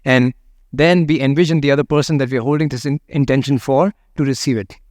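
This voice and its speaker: A man speaking as a meditation teacher, guiding listeners in a gentle, unhurried manner. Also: medium pitch, fairly even intonation, no room sound, clean studio sound. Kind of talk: guided meditation and talk on loving kindness.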